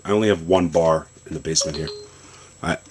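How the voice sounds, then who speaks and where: Deep-voiced male tech vlogger, easygoing explainer, talking through a gadget demo at home. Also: brisk, a little hiss or hum. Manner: relaxed, explanatory, loosely rambling. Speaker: tech vlogger demonstrating a phone setup. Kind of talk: casual product demo. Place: home basement.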